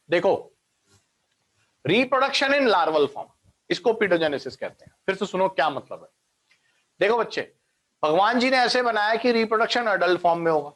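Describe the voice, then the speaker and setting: High-voiced man teaching biology online. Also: fairly bright tone. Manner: explanatory, keeps checking students understand; mixes in English science terms. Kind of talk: online class lecture.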